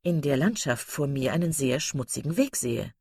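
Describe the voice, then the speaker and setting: A woman's voice: rumbling low, animated, normal speed, darkish tone, breathy edge, no echo, clean studio sound, exaggerated voice. A woman reading an audiobook voices a reserved young man who answers in a subdued, matter-of-fact way. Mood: plain. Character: reserved young man, awkward and dryly plain. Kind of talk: audiobook character voice.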